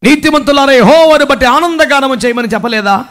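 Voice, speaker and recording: A man's voice: very high-pitched, brisk, a bit bright. A man preaching a sermon as pastor, firing off rhetorical questions and scolding the congregation.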